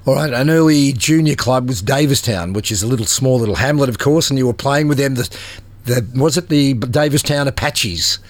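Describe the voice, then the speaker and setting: Aussie bloke with a croaky voice chatting on a sports podcast, dry close studio sound. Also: male voice, mid-range voice, fairly quick, no room sound. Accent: Australian. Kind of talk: casual podcast interview.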